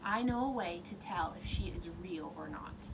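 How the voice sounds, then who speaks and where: A woman's voice: fairly low pitch, animated, normal speed, voice pushed down. A woman voicing a scheming, gracious storybook queen with a sly, coaxing manner. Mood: musing, sly. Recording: distant mic, clearly noisy room.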